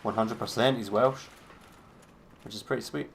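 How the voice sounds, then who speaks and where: A man's voice: on the low side, steady tone, normal speed, vocal fry, a little hiss or hum. Laid-back man chatting over gameplay. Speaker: streamer. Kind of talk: casual gameplay commentary.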